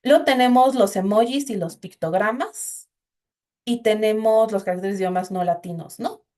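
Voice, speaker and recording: A woman's voice: mid-range voice, moderate pace, darkish tone. A woman giving an informal, explanatory recorded programming class and talking directly to her students. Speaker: instructor.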